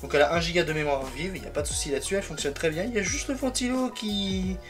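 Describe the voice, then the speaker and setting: A man's voice: sits high, rapid-fire, faint music behind. Rambling French-speaking man, tech vlog. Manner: rambling, self-correcting, fond of "donc". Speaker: tech video creator. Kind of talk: casual hands-on tech vlog.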